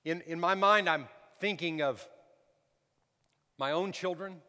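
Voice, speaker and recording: Bright-voiced man in his sixties preaching. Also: on the high side, a little slow. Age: 60s. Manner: swings from loud, preaching emphasis to soft, near-whispered asides; repeats words and asks the crowd for amens. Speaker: pastor. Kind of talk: sermon. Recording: long hall reverb.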